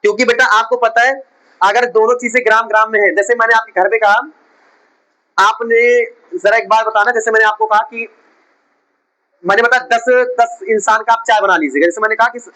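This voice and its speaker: A man's voice: high voice, fairly even intonation, fairly quick, sharp tone, poor audio. A man teaching a chemistry class in a coaching centre, questioning and scolding his students as he explains.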